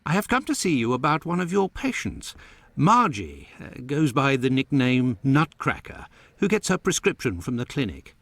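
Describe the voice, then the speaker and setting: Doctor Watson, courteous and expressively lilting. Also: male voice, medium pitch, huge pitch swings, moderate pace, fairly bright tone, dry recording, full character voice. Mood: inquiring. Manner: polite, formal, inquisitive. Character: courteous, proper Victorian gentleman doctor turned investigator. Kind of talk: video game voice acting.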